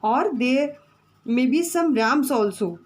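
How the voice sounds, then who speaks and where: Slow-speaking woman teacher. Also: sits high, expressive, darkish tone, rough recording. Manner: slow, repeating points and spelling out words. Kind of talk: classroom lesson, reading from the textbook.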